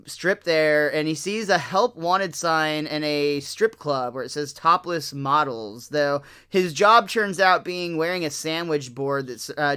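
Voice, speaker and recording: A man's voice: fairly high pitch, bright, forceful tone, clear, resonant tone. A man co-hosting a casual podcast recap, talking in an informal, slangy way. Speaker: podcast co-host. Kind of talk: casual episode recap commentary.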